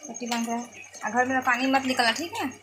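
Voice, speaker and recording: A woman's voice: sits high, steady tone, fast, sharp tone. Chatty woman vlogging outdoors, noisy background. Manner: chatty, keeps pointing things out to viewers while doing chores. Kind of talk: casual daily-life vlog narration. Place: rural home yard outdoors during rainy season. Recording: noisy outdoor phone recording.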